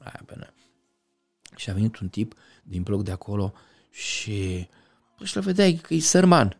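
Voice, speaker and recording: A middle-aged man talking as an interview guest, passionate, swinging from loud outbursts to quiet reflection. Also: on the low side, very animated, creaky. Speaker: podcast guest. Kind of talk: conversational interview.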